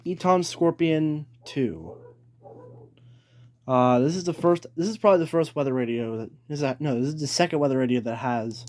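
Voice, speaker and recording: In a somewhat high, darkish voice at a moderate pace, a man casually shows off weather radios he collects. He rambles, goes back over things and repeats himself, and the home recording is noisy with clicks.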